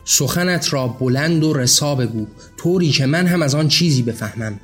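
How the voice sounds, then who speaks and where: A man's voice: mid-range voice, lively intonation, soft background music, natural voice. A man voicing a pompous, commanding self-styled male leader of a madhouse in a read-aloud story. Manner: commanding, stately.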